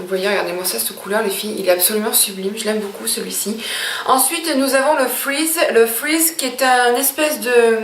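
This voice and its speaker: A woman's voice: a little high, a bit bright, reverberant, recorded from a distance, a little hiss or hum. A woman beauty vlogger reviewing makeup in a chatty, gushing way, with many hesitations.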